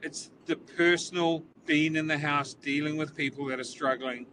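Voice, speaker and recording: His voice fairly high, bright, and forceful, this man in his forties, a New Zealand police chief with a matching accent, speaks at normal speed in a steady tone. He's earnest in a casual interview inside a police cruiser, repeating words as he thinks, and the distant mic catches vehicle noise.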